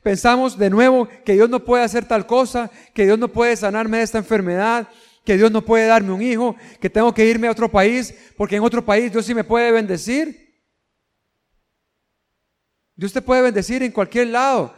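A man's voice: very high voice, fairly even intonation, normal speed, clear, resonant tone, in a large hall. A man preaching a sermon, speaking earnestly, questioning his listeners directly and building to emphatic peaks.

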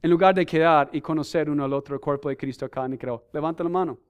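A man with a high, ringing voice preaches a sermon to his congregation. He works through numbered points and scripture references, pausing to put questions to the listeners. His tone stays earnest and emphatic throughout. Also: clear, resonant tone. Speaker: missionary preacher.

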